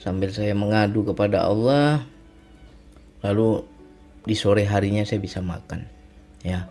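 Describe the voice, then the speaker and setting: A married man giving a reflective religious testimony, speaking slowly and often repeating phrases and asking "right?" as he tells of his illness and recovery. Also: on the low side, darkish tone. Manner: reflective, repetitive, often ends with "ya kan". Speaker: speaker sharing a personal testimony.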